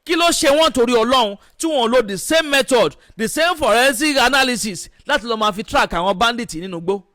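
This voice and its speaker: A Nigerian-accented man delivers opinionated news commentary at a rapid clip. His pitch runs high and the sound is close and dry. He drops English phrases into his speech and questions indignantly. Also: expressive, fairly bright tone, no room sound. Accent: Nigerian Yoruba-language accent. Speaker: online news presenter.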